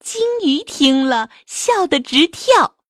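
High-voiced woman telling a children's story. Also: takes it slowly, no echo, studio quality. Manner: lively, expressive.

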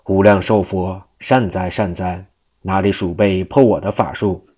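A man's voice: sits low, fairly even intonation, unhurried, a little mellow, breathy edge. A man reading the lines of an arrogant male Daoist sorcerer in a storybook tale, haughty and scolding. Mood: scornful.

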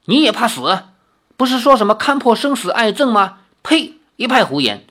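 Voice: mid-range voice, sing-song, fairly bright tone. A reader playing a brash young swordsman. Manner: quick, mocking retorts.

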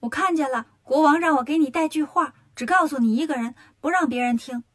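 A woman voicing a cheeky, cocky monkey king in a children's storybook tale, talking briskly. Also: sits high, a bit bright. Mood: scheming.

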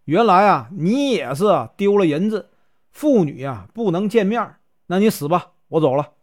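A man's voice: high voice, expressive, normal speed. A man with a Northeastern Mandarin accent voicing a scruffy, playful old monk who teases and jokes in a storytelling recording. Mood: teasing. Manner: joking, cheeky, mocking.

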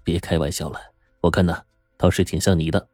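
A man's voice: sits low, steady tone, brisk, a little mellow, no echo, clean studio sound, faint music behind. A male storyteller voicing a composed young man who speaks tersely and takes charge. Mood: joking.

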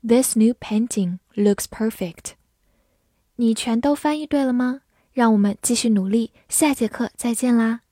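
A woman teaching a vocabulary lesson in an unhurried, deliberate way, spelling out each word with care. Her voice is mellow and dark, recorded close and dry with no room sound. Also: a little high, dry recording. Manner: slow, careful word-by-word reading. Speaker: English teacher.

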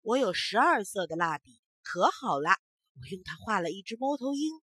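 A woman's voice: medium pitch, very animated, moderate pace, a bit bright, husky, no room sound, clean studio sound. A woman voicing an earnest little boy who ends up crying and whining. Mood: eager. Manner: pleading, whiny.

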